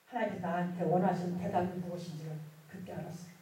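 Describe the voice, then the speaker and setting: A woman pastor preaching a sermon with a personal story, swinging from loud to near whisper. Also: fairly low pitch, fairly even intonation, fast talker. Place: large prayer hall. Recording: very echoey hall, voice from far off.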